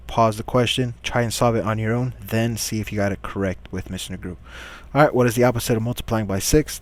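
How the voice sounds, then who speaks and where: A man teaching a recorded math lesson, patiently walking through each step and asking questions he then answers himself. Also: lowish voice.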